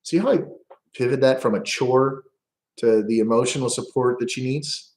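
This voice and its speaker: A man's voice: medium pitch, level tone, normal speed, darkish tone, echoey room. A man hosting a livestream, giving a blunt, profane, opinionated monologue in a lecturing tone. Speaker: livestream host.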